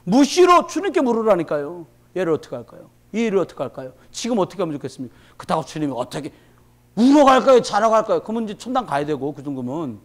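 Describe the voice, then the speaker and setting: A man preaching a sermon as pastor, telling lively stories and swinging from quiet low asides to loud emphatic peaks. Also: very fast, few pauses. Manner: animated storytelling, acts out quoted voices.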